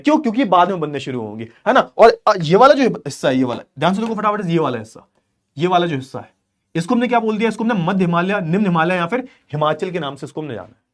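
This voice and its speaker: A male teacher with a voice that sits high gives an exam-prep lecture. He repeats key terms, poses rhetorical questions, and explains things while drawing on a board.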